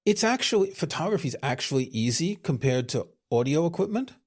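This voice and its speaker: A man co-hosting a podcast in casual chat, thoughtful with dry sarcasm, often pausing to rephrase. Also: a little high, sing-song, darkish tone, husky. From living in Europe. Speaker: podcast co-host.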